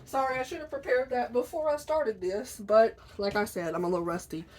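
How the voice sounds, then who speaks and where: A woman chatting casually and informally at her desk for a video, in an apologetic, rambling way, with a squeaky chair that may creak behind her. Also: fairly even intonation, a little fast, darkish tone, a little hiss or hum. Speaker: video blogger. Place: at a desk indoors.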